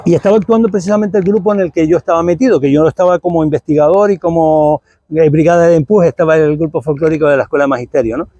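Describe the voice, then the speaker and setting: High-voiced Canarian man in his sixties. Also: steady tone, fast, mellow, no room sound, muffled recording. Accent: Canarian Spanish. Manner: rambling, conversational storytelling. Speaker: invited speaker at a tribute event. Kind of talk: public talk.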